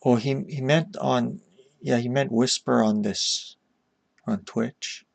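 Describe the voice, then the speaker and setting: A man casually chatting with viewers on a live stream while going through shogi puzzles, talking them through at an easy, unhurried pace. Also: medium pitch, steady tone, gravelly, no room sound. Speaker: streamer teaching shogi problems.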